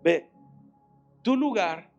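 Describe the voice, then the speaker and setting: A man's voice: high-pitched, animated, drawn-out words, creaky, a little mellow, dull audio, soft background music. A man with a Mexican Spanish accent preaching a sermon, calling the congregation to repeat after him and acting out imagined voices. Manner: preaching with call-and-response to the congregation; acts out imagined voices of critics and the prodigal son. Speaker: pastor. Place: church service.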